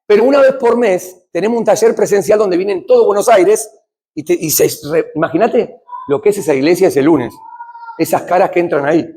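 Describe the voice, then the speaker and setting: Husky-voiced Argentine man preaching. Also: high voice, a little fast. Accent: Rioplatense Spanish. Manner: conversational, asks the audience questions, swings between loud and hushed. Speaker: addiction recovery speaker. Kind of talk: church talk on addiction.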